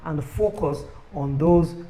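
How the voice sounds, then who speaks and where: A man giving an upbeat, persuasive sales pitch for his own book, recorded on a phone camera. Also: takes it slowly, mellow, a little hiss or hum. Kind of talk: motivational self-promotion video.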